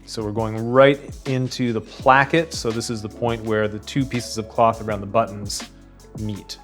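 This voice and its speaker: A man working as a sound recordist, explaining microphone technique in a calm, practical way. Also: lowish voice, normal speed, faint music behind. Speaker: sound recordist guest expert.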